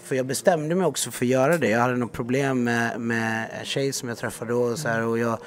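A man's voice: mid-range voice, steady tone. A man in his thirties, a podcast guest telling his story in a casual, slangy way that repeats itself. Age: 30s.

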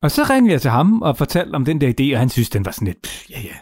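A middle-aged man spinning a long, loose anecdote in a relaxed chat, voice in an ordinary middle register. He talks freely, with casual swearing, and slips into acting out what others said. The sound is close and dry, with no room in it. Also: medium pitch, dry recording. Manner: chatty, swears casually, acts out quoted dialogue. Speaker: podcast guest telling his founder story.

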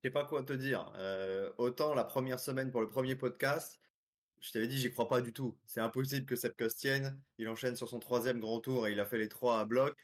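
A man co-hosting a casual podcast over a remote call, relaxed and conversational with fillers. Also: medium pitch, brisk. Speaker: co-host.

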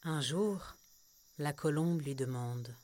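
A woman narrating a scripted children's story in a slow, gentle storytelling manner. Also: sits low.

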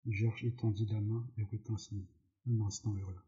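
A man reading a novel aloud, slowly, with slips and self-corrections, in a dull lo-fi recording. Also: lowish voice, level tone, warm tone. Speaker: audiobook narrator.

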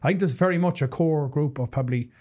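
Fast, emphatic Irish man. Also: a little high. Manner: emphatic, opinionated, lively. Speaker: guest pundit. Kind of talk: casual sports chat. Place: studio.

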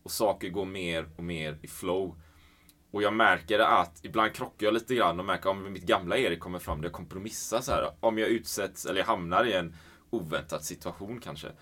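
A man's voice: sits low, bright, forceful tone. A man hosting a conversation, reflecting thoughtfully and encouraging his guest. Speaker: podcast host. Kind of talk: casual conversation.

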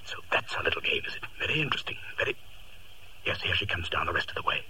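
Sherlock Holmes, commanding and animated. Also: male voice, medium pitch, fast talker. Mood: hushed, watchful. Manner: clipped, authoritative, deductive. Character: shrewd, commanding gentleman detective. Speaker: radio actor. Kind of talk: 1940s radio acting. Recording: noisy 1940s radio recording.

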